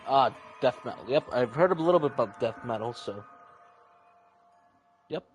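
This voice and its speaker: A man with a mid-range voice and lively intonation reads a visual novel aloud at a normal speed, keeping it informal and chatty like a playthrough and rambling a little. Background music plays behind him, with slight background noise.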